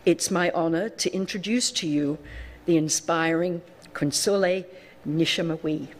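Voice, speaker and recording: A woman's voice: on the low side, unhurried, background noise. Woman host giving a formal introduction. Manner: formal, ceremonial, upbeat. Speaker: event host. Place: United Nations conference hall.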